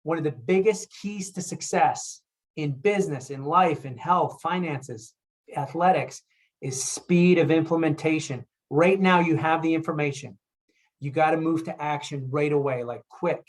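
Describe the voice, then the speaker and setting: A man, a chiropractor, giving a motivational health talk with energetic, repetitive urging. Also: on the high side, moderate pace.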